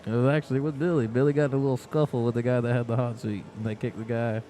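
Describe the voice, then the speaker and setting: A man's voice: medium pitch, level tone, racing, dark tone, slight background noise. A man commentating a pool match on a live stream in an easygoing, chatty way. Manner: easygoing, laughs often.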